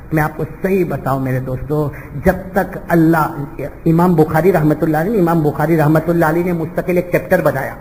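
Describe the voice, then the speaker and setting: High-voiced preacher. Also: male voice, big-room sound, a little hiss or hum, rough recording. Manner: dramatic storytelling, swings from shouting to soft. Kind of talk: sermon.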